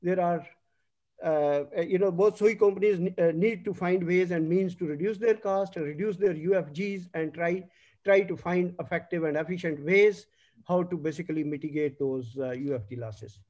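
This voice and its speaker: A man with a Pakistani accent giving extempore panel remarks as an official, halting and often repeating himself. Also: high voice, darkish tone, muffled recording.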